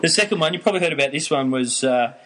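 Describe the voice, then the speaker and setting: A man's voice: fairly high pitch, animated, rapid-fire, fairly bright tone, a little hiss or hum, low-quality recording. A man with an Australian accent hosting a casual chat, telling stories in a dry, wry way. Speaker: podcast host.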